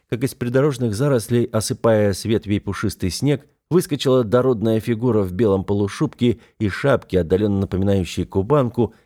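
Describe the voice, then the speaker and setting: A man narrating an adventure novel in first person, steady and storytelling. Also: on the low side. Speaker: audiobook narrator.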